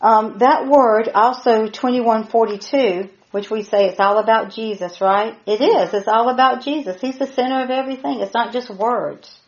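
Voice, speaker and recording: A middle-aged woman teaching a Bible study to a small group, stressing key words by repeating them slowly and emphatically. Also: a little high. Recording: roomy, dull lo-fi recording.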